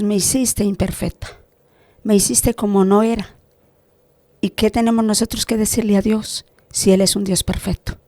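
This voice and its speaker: A woman's voice: medium pitch, warm tone, no echo. A woman giving an impassioned preaching testimony in a pleading tone.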